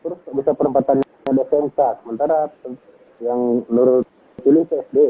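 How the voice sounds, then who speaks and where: A man conducts a casual interview over a phone call, asking short follow-up questions. His voice is a little husky. The line is thin and phone-like. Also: mid-range voice, quick pace, soft background music. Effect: heard over a phone or online call.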